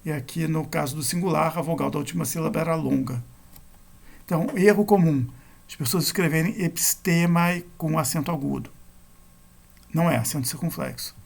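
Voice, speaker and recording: Gravelly-voiced man teaching grammar. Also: fairly high pitch, brisk. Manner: methodical, self-correcting explanation. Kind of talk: recorded lecture.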